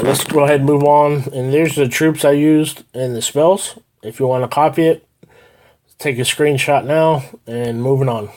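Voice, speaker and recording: A middle-aged man giving casual gameplay commentary, explaining his moves step by step with a rambling, halting delivery full of "uh"s. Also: mid-range voice, darkish tone, a little hiss or hum. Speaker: gaming channel host.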